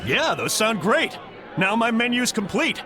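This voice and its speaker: An actor playing a cheerful, boisterous reformed bandit who now dreams of cooking, in a video game. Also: male voice, extremely high pitch, sing-song, unhurried, a crowd in the background, exaggerated voice. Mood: eager, pleased. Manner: boisterous, informal. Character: cheerful reformed male bandit turned eager cook. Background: music.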